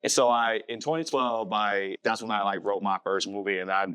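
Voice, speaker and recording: Low-voiced Southern man, rambling. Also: moderate pace, sharp tone, smooth, no room sound. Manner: rambling, self-correcting, laughs easily. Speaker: filmmaker guest. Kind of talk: casual podcast interview.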